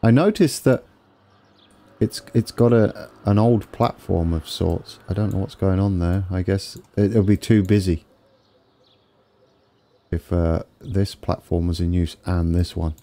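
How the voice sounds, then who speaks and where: A man's voice: deep voice, measured pace, dark tone. A man with a wheezy, congested voice giving casual commentary on a game build, tentatively thinking aloud as he goes. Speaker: gaming video host.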